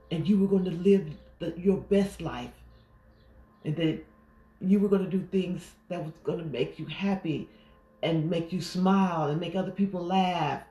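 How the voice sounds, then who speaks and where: A woman life coach giving a gentle, reflective affirmation talk, pausing often. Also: lowish voice, muffled recording. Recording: roomy echo.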